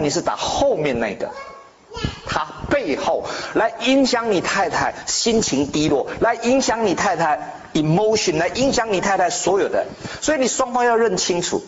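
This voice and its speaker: A man preaches with a high voice that leaps and drops across a wide range. He throws out rhetorical questions and acts out bold declarations. The recording is dull and lo-fi with a faint hiss behind. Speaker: pastor. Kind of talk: sermon. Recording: dull lo-fi sound with faint noise.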